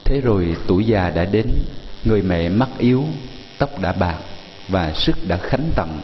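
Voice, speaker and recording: A male Buddhist monk telling a story in a sermon, gently addressing his listeners. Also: sits low, expressive, normal speed, long reverb tail, muffled recording, slight background noise.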